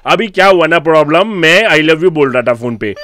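Bossy high-voiced man running a radio prank. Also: expressive, brisk, fairly bright tone. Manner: bossy, insistent, cuts the other off. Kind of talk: prank phone call on radio.

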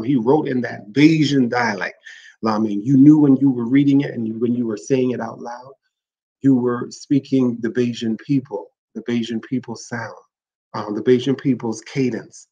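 Male host, mid-pitched, earnest and reflective literature talk; self-corrects often; slightly dull lo-fi recording. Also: darkish tone. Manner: earnest, reflective, restarts phrases to correct himself. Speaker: livestream host discussing literature. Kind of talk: informal literary talk with read-aloud excerpts.

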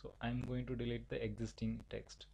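A man teaching a software tutorial, giving halting step-by-step instructions with frequent restarts. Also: mid-range voice, level tone, vocal fry, a little hiss or hum, poor audio. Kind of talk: screen-recorded software tutorial.

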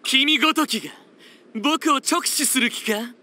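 A man's voice: very high voice, measured pace, sharp tone, exaggerated voice. A man voicing a haughty, sneering young male wanderer with wind powers in an anime video game. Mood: commanding, scornful. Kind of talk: anime game battle voice lines.

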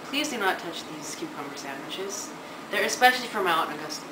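A young man in an amateur play, acting an idle, witty, smug young gentleman in formal, measured speech. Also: high voice, expressive. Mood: lofty scolding. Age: teenager to young adult. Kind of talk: amateur stage-play acting for a student project. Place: large living room, indoors. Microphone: camera a few metres away. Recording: echoey, noisy room from camera distance.

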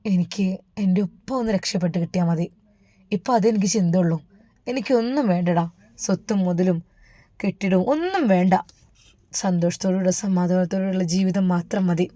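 A woman with a Malappuram accent voicing a gentle, grieving young groom who speaks softly and quietly. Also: fairly low pitch, moderate pace, no room sound, natural voice. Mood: earnest. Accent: Malappuram Malayalam. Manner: soft, subdued, tearful.

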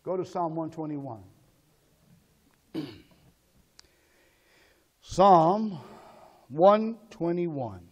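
Pastor guy preaching, high voice, calls out to the church then drops low. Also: animated, extremely slow, pauses often, long reverb tail, lo-fi sound. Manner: call-and-response preaching, shifts from shouts to low asides. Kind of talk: sermon.

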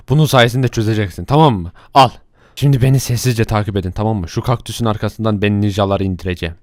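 A man's voice: medium pitch, dry recording, studio quality, close to an everyday voice. A man voicing a brash, bossy male thief gang leader in a Minecraft role-play, ordering his crew around and snapping at them. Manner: bossy, quick-tempered, yelling at his crew.

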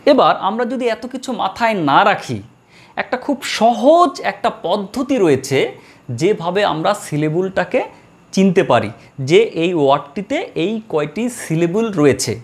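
A woman teaching an English grammar lesson, slowly drawing out model words and repeating them for her students. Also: mid-range voice, big pitch swings. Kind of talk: classroom lesson.

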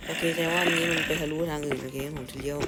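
A man giving casual gameplay commentary, excitable, muttering repeated words to himself and swearing when startled. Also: a little high, racing, very noisy. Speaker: gameplay streamer. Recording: loud background music under voice. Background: loud game music.

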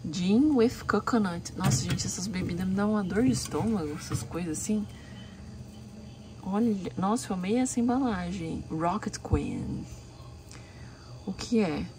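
A woman in her thirties records a casual vlog in her hotel room with a handheld camera, addressing viewers in a chatty, exclaiming manner. She speaks in an expressive mid-range voice at a moderate pace.

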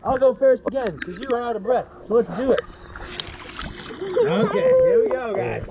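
Lively high-voiced man hosting poolside. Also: moderate pace. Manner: energetic, announcer-style hype. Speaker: family vlog host. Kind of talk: playful challenge commentary. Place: swimming pool, outdoors. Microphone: action camera. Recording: dull lo-fi camera sound with water noise.

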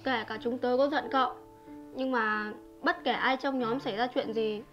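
An actress playing a gentle young woman who comforts a friend in a soft voice. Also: on the high side, steady tone, normal speed, natural voice. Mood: tender. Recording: muffled audio over music. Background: music.

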